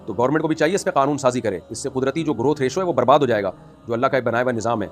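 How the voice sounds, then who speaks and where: A man as an Islamic scholar answering audience questions in an emphatic, scolding way that rises into forceful outbursts. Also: medium pitch, faint music behind. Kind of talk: religious question-and-answer talk.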